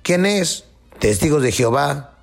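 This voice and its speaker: Man, radio co-host, high animated voice, acts out jokes. Brief: joke teller. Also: measured pace, creaky, a loud crowd. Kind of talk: joke telling on morning radio.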